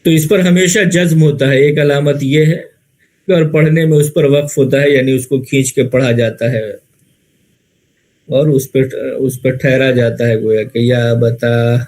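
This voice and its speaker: A man who teaches Arabic grammar lectures calmly and methodically in an Indian Urdu accent, his voice at an ordinary middle male pitch. He patiently repeats and rephrases each term several times and asks questions he then answers himself, on a rough recording.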